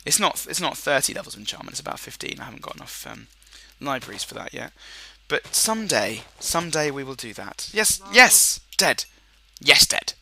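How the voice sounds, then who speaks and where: A man's voice: mid-range voice, big pitch swings, brisk, gravelly, sharp tone, slight background noise. A man giving rambling, jokey game commentary with silly asides, his voice sore and strained. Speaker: gaming commentator.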